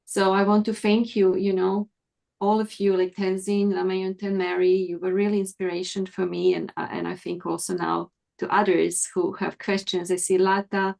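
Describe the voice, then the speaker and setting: Woman host, earnest and grateful, gravelly fry, video-call mic. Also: lowish voice, a little mellow. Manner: earnest, thankful, with restarts and fillers. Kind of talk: reflective speech to an online group.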